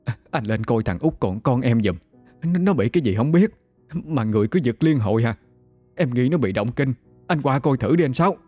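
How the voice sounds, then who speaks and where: Man putting on a high-pitched, panicked mother's voice. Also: animated, fairly quick, warm tone, no echo, soft background music, lightly acted. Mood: frantic. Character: frantic middle-aged village mother.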